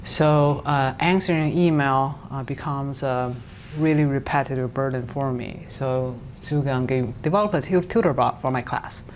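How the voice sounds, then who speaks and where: Low-voiced woman professor and co-founder. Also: a little mellow, a little hiss or hum. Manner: brisk, with uh fillers and short laughs. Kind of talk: interview answers.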